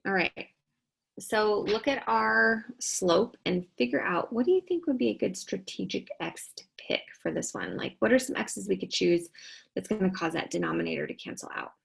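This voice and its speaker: A tired woman records a math lesson, working each step aloud and posing questions she answers herself. Her voice is deeply gravelly with plenty of fry. It also has a husky, breathy edge. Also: normal speed, low-quality recording. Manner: talks students through each step, asking and answering her own questions. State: tired, yawning. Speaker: math teacher.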